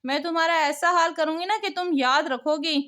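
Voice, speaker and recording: A woman's voice: very high voice, a little fast, a bit bright. A woman voicing a cruel, shape-shifting young witch wife in a cartoon story. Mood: spiteful.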